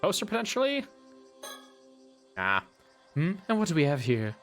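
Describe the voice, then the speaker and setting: A streamer chats casually over his gameplay, laughing and swearing now and then. His voice is bright and forceful, at an ordinary pitch. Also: wildly swooping pitch, normal speed, faint music behind.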